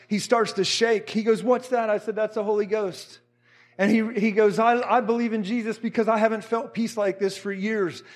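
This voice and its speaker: A middle-aged man preaching, telling a story with animated energy and acting out the voices of the people in it. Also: sits high. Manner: animated, acts out quotes of others. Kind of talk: sermon storytelling.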